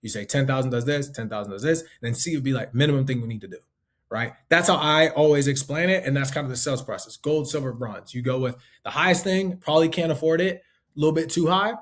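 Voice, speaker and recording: A man's voice: medium pitch, quick pace, fairly bright tone. A man teaching life insurance sales in a loose, conversational way, full of fillers and tag questions. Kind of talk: casual instructional talk.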